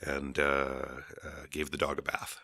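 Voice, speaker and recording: Hoarse, gravelly male co-host with a very low, forceful voice, dry close sound. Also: completely flat delivery, a little slow, no echo. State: hoarse, voice recovering from illness. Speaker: podcast co-host. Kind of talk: casual chat.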